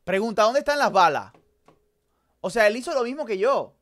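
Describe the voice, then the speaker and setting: Excitable male streamer, high lively voice. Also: normal speed, over loud music. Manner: excitable, talks to chat, swings from mumbling to loud outbursts. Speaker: gaming streamer. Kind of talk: live let's-play commentary.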